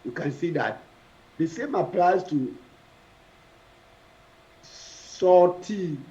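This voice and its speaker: In a dull, lo-fi classroom recording, a man with a high-pitched, animated yet mellow voice drills French verb conjugations. He goes slowly and repeats a lot, putting questions to his students.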